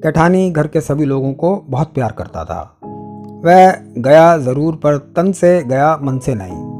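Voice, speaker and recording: A man narrates a literary short story, measured and expressive, in a fairly high voice. Soft guitar plays faintly behind him. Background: faint guitar music.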